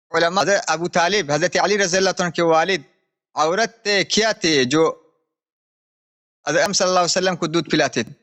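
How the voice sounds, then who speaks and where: A man's voice: high voice, fairly bright tone. Man on a breaking-up internet call. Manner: insistent, challenging. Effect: internet call audio breaking up with dropouts. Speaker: caller. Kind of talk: heated religious debate on a call-in show.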